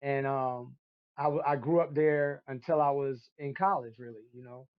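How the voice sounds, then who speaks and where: A Brooklyn, New York man in his 50s appears as a podcast guest, telling stories in street slang in a mid-range voice at a moderate pace. He's an animated storyteller in casual chat, and the audio sounds dull.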